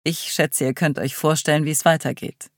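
A reader voicing Paul, a thoughtful group guide who leads slow imagery in an audiobook. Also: mid-range voice, steady tone, no echo, studio quality, natural voice. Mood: calm. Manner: slow, guiding, evocative. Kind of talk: audiobook reading.

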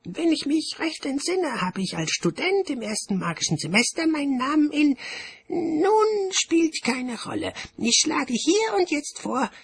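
Man doing a pompous wizard, high-pitched, prim, fussy, lively, breathy. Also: a little slow, exaggerated voice. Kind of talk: audiobook character voice.

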